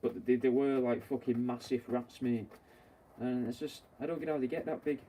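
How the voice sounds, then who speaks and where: A man's voice: medium pitch, fairly even intonation, normal speed, dark tone. A young man, a taxidermist chatting bluntly and rambling while he works, swearing often. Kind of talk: casual chat while working. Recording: distant mic with faint background noise.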